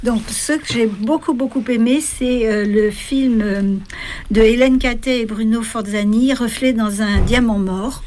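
A woman panelist giving recommendations in casual radio chat, halting as she searches for words. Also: a little high, darkish tone, a little hiss or hum.

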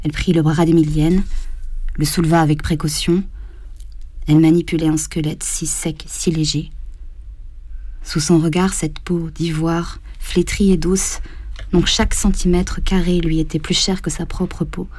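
Lady reading a novel out loud, slow and serious, lowish warm voice, super dry sound. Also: little pitch movement, dry recording. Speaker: audiobook reader.

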